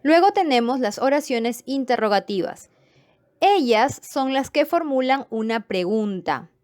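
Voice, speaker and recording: A woman's voice: high-pitched, lively intonation, unhurried, darkish tone, no room sound, clean studio sound. A woman teaching a grammar lesson to viewers, explaining patiently and checking in with them as she goes. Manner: patient, repeats points and checks understanding; friendly sign-off to viewers.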